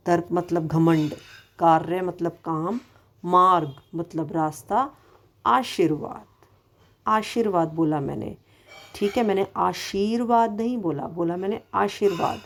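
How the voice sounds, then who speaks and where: A woman teacher giving a recorded lesson to children, patiently asking questions and answering them herself, repeating each word carefully to show its sound. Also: on the low side.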